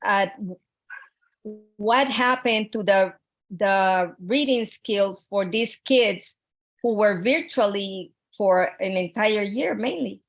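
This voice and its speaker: A woman from Honduras lays out her study over a video call, earnest and methodical. Her voice sits at a middling pitch, and she keeps stopping to restart phrases and fill gaps with "uh" and "um.". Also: slow. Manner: earnest, with frequent fillers and restarts. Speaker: graduate student presenting a research proposal.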